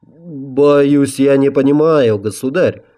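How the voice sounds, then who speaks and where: A man's voice: medium pitch, takes it slowly, dark tone, voice pushed up, close to an everyday voice. Man voicing a deferential guard colonel. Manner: deferential, short replies.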